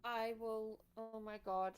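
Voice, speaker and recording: A woman with a fairly high voice talks casually as a tabletop game player. She sounds hesitant and unsure, feeling her way through decisions. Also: level tone, takes it slowly, a little hiss or hum.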